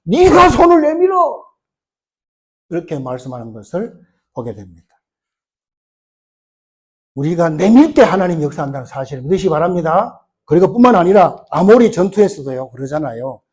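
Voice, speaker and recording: Animated high-voiced male pastor preaching. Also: brisk, slightly rough. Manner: animated, fires rhetorical questions at the congregation. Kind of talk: sermon.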